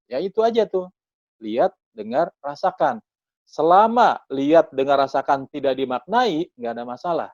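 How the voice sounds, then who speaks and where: A man teaching parents in a seminar talk, animated and often asking his audience questions. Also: medium pitch, no echo, lo-fi sound. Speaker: parenting trainer.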